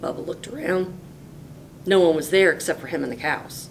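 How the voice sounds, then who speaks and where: A woman teacher reading a picture book aloud in a folksy, animated storytelling way. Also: moderate pace, vocal fry. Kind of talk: expressive storybook read-aloud. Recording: noisy with low rumble.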